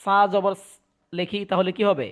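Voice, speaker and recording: A man with a fairly high voice teaches an online recitation class. He is patient and reassuring, and he drills each syllable slowly so that students can echo it back over the call. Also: fairly even intonation, a bit bright, dull audio.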